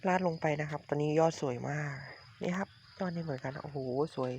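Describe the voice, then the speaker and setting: A man's voice: fairly high pitch, brisk. A man casually showing his garden plants to viewers, chatty and polite, often repeating himself and calling viewers his friends. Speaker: vlogger, home durian grower. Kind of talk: casual show-and-tell vlog. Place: outdoors in a rural garden. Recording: dull lo-fi phone audio, loud outdoor noise and roosters. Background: roosters, chickens and crickets.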